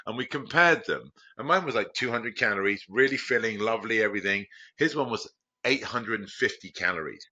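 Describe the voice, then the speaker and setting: A man from Crete, a biotech founder guest, talking casually and rambling with many restarts and animated jumps in pitch. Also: brisk, husky, muffled recording. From Greece, Crete. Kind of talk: casual conversational explaining.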